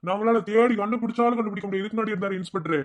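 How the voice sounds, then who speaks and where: A man's voice: high voice, steady tone, rapid-fire, highs cut off, lightly acted. A man voicing a fussing, eager village police constable with a Madurai Tamil accent who talks deferentially. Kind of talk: cartoon voice acting.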